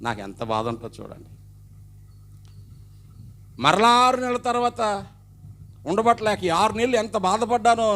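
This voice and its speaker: A middle-aged man, preaching a sermon as a pastor and telling his own story. He swings from loud passages to hushed ones. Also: high voice. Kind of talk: sermon with personal testimony.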